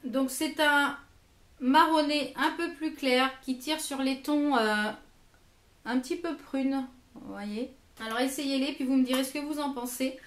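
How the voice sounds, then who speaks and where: In a lipstick product review on her vlog, a French beauty vlogger speaks hesitantly, filling gaps with fillers and repeated words. She has a high voice with fairly even intonation and an unhurried delivery, recorded with a roomy sound.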